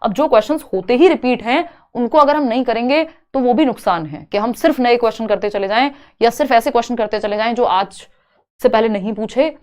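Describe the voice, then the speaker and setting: Woman teaching an exam-prep lecture. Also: on the high side. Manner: explains step by step, asks and answers her own questions; reads English questions slowly, then explains in Hindi.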